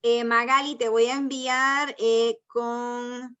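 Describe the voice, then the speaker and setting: Female teacher, bright, higher-pitched voice, patient and methodical, lo-fi call audio. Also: little pitch movement, takes it slowly, clean tone. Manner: patient, explains step by step, mixes Spanish and English. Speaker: ESL teacher. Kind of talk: online class teaching. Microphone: video call. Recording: dull lo-fi video call audio.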